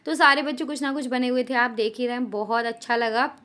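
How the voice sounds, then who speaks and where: A woman's voice: fairly high pitch, flat delivery, brisk, fairly bright tone. A woman in her thirties vlogging in a chatty, casual way, mixing English words into her Hindi. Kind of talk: casual chat to camera.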